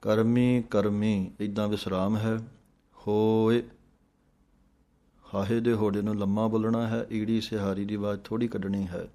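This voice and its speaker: Man, recitation lesson, low even voice, mellow tone, slow deliberate chanting, calm patient explanations. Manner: chants verse lines slowly, then explains briskly. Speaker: Gurbani recitation teacher.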